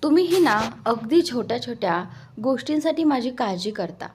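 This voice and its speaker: Woman reading as a brave young heroine, defiant and husky. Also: on the high side, expressive, moderate pace, darkish tone. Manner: defiant, frightened.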